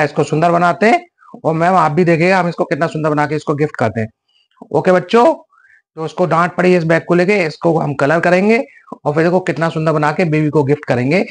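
A man hosting a kids' coloring lesson, talking in a soothing, coaxing, sing-song way to children. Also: on the high side. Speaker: children's drawing channel host. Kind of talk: acted skit and coloring lesson for kids.

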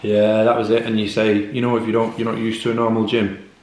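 Man in his thirties, low, plain and encouraging, echoey kitchen, camera on the table. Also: monotone, fast, a little mellow, slight background noise. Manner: encouraging, matter-of-fact. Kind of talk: casual chat. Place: bright open kitchen, indoors. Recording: echoey room.

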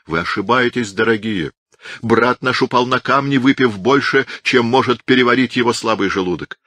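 A man's voice: medium pitch, normal speed, sharp tone, no room sound, pitched above the performer's own voice. A man voicing a hypocritical male monk who speaks in a falsely humble, unctuous way. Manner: unctuous, mock-meek.

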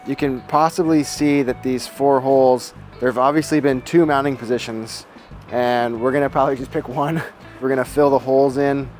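A man in his forties calmly explaining each step of a repair job while he works in a boat shed. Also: medium pitch, normal speed, faint music behind. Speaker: boat restorer. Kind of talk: how-to narration while working. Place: boat shed with timber frame, indoors.

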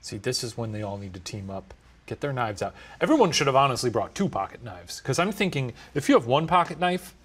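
A young man co-hosting in a dark studio, riffing playfully with mock-heroic bits. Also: mid-range voice, very animated, a little fast, a little hiss or hum. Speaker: co-host. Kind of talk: casual chat.

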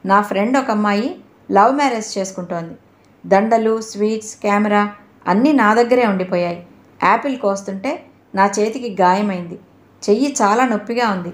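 A woman's voice: medium pitch, normal speed, lightly acted. A woman voicing a young woman who pleads and begs insistently in a read-aloud story. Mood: pleading. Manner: begging and insistent. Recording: roomy echo.

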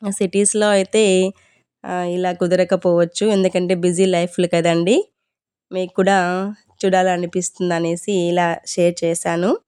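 Lady chatting to her vlog viewers, clear smooth voice, pretty flat pitch, polite and explainy. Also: a little slow, no echo, clean studio sound. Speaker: home vlogger. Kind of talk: casual vlog narration addressed to viewers.

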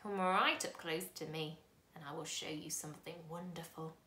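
Woman doing a sly little old man, slow creaky voice, hushed secretive whispers, lowish, roomy echo. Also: steady tone, a little hiss or hum. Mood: coaxing. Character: small, bald, whiskered, sly old man.

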